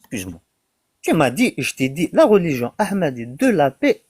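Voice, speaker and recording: A man who is a guest in a live online debate, talking in a defensive, halting way. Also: a little high, very animated, a little mellow, husky, dry recording.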